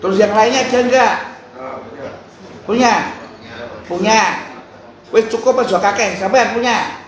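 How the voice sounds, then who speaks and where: A man speaking at a council hearing, halting and pausing, sometimes turning to question others in the room. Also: high voice, fairly even intonation. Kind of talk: spontaneous public address. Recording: echoey room with faint background noise.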